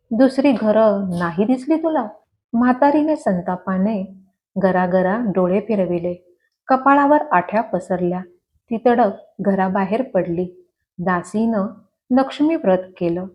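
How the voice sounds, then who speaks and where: A woman's voice: medium pitch, poor audio. Woman narrating a devotional story. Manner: measured, expressive storytelling.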